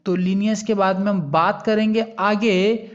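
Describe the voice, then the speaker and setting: A man's voice: sits high, steady tone, unhurried. A young man casually explaining quiz answers for exam prep, chatty and repetitive, often checking in with his listeners. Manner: chatty, repeats "ठीक है ना" and calls listeners "भैया". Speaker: quiz tutor. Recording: dull lo-fi recording.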